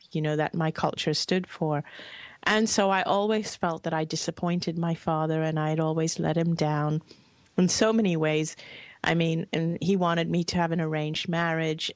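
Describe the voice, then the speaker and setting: Earnest low-voiced woman guest, dry sound. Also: no room sound. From Hong Kong. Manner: earnest, heartfelt, softly emphatic. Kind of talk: reflective interview storytelling.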